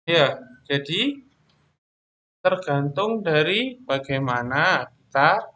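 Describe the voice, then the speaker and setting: A man teaching a primary school class online, explaining slowly and patiently, often pausing on "ya" and "terus". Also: fairly high pitch, lively intonation, bright, forceful tone.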